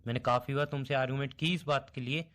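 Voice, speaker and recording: A man's voice: medium pitch, steady tone, quick pace, natural voice. A young man playing a boyfriend who feels ignored, reproachful and sarcastic toward his girlfriend. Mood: resigned. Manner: reproachful, sarcastic, quietly bitter. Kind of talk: amateur romantic audio drama.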